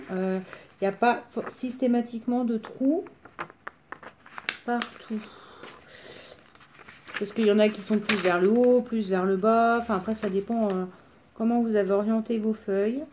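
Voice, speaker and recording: A woman with a smoker's rasp chatting casually through a craft demonstration in a rambling, self-deprecating way. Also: fairly high pitch, background noise. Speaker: craft tutorial presenter.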